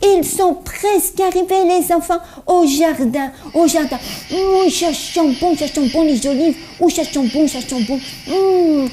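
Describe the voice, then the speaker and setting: A woman's voice: very high voice, a little slow, hardly any pauses, mellow, slight background noise. A woman voicing a cheerful, eager little child puppet who stutters heavily while telling a Bible story to children. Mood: storytelling. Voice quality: heavy stutter, repeats words many times.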